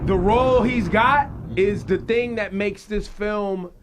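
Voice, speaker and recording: A man's voice: high-pitched, slow, a little hiss or hum. Playful male radio host. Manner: playful teasing banter. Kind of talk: lively radio studio interview. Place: radio studio.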